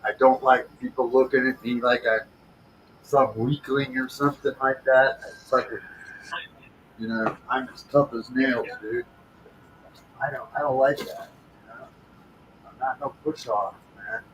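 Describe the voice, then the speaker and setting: A man's voice: mid-range voice, fairly even intonation, measured pace, long pauses, a bit bright, slight background noise, poor audio. A man talking casually on his livestream, blunt and frustrated, swearing heavily. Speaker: livestream host.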